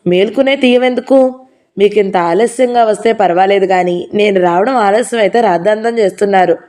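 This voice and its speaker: A woman voicing a grumbling, soft-hearted old grandmother in an audio novel, with shrill, nagging complaints. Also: a little fast, lightly acted. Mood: scolding.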